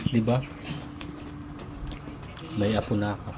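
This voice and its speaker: A man's voice: fairly low pitch, very animated, very slow. A middle-aged Filipino man chatting casually to his viewers in a family vlog, friendly and talkative. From Philippines. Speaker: vlogger. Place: outdoors at home in the evening. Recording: noisy outdoor background.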